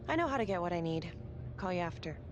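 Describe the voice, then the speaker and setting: A tough female detective, clipped and sarcastic with a slightly low voice. Loud music runs beneath the cutscene dialogue. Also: big pitch swings, fast, highs cut off. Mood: brisk. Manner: blunt and sarcastic. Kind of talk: video game cutscene acting. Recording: game audio with loud background music.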